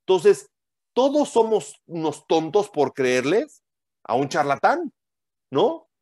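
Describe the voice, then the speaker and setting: A man's voice: high-pitched, very animated, slow pace, a little mellow, no echo, studio quality. A man giving a teaching sermon to a group, emphatic and full of rhetorical questions and tag questions.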